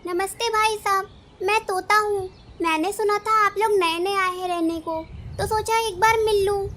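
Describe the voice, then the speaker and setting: A woman's voice: very high voice, fairly even intonation, moderate pace, fairly bright tone, a little hiss or hum. A woman voicing a chatty cartoon parrot. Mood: cheerful. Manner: chatty, polite. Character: cheerful, sociable male parrot.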